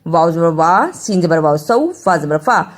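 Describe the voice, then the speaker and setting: A woman teaching Quran recitation, spelling out words slowly letter by letter and explaining how each sound is made. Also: on the low side, sing-song. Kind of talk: tajweed lesson, explaining pronunciation and reciting verses.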